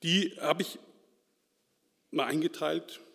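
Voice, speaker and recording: A man's voice: a little high, takes it slowly, vocal fry, a bit bright, husky. A man from Hesse, preaching an informal sermon in a chatty, self-deprecating way, full of fillers and "ne?" tag questions. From Central Hesse, Germany. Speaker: lay preacher. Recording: reverberant hall.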